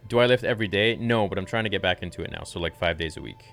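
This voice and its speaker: Very deep-voiced man chatting. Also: very fast, gravelly, fairly bright tone, faint music behind. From Canada. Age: 20s. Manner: casual, laid-back, reads viewer questions aloud then answers. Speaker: fitness channel host. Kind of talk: live-stream Q&A chat.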